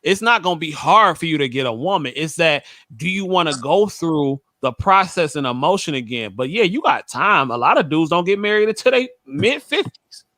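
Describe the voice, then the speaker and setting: A man's voice: fairly high pitch, expressive, moderate pace, few pauses, sharp tone, no room sound. A man in his thirties hosting a casual panel chat, giving blunt, emphatic advice with easy laughs. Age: 30s. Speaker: podcast host.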